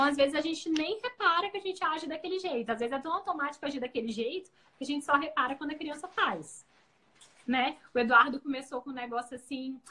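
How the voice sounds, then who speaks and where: Fast, bright-voiced woman. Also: high voice. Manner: animated, acts out parent and child voices. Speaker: guest parenting educator. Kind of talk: casual live chat. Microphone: video call.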